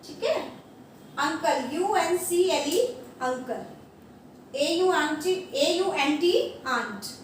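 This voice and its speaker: A woman's voice: very high-pitched, expressive, slow pace, far from the mic. A woman teacher with an Indian English accent, giving an online grammar class to young children and spelling words out letter by letter. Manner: spells words letter by letter, calls pupils beta. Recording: echoey room, away from mic, faint background hum.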